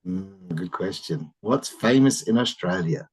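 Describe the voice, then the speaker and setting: A teacher running an online English class for children over a video call, animated and encouraging, often exclaiming in surprise. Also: mid-range voice, a little slow, creaky, breathy edge, rough recording.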